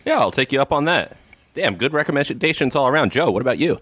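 A man's voice: mid-range voice, animated, fast, a bit bright, husky, dry recording. A man hosting a casual film podcast, laughing often and making jokey asides. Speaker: podcast host. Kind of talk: casual chat.

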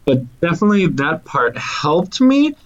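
A man co-hosting a podcast in casual chat, excitable, laughing often and swearing now and then. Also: on the high side, normal speed, dull audio. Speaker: podcast co-host.

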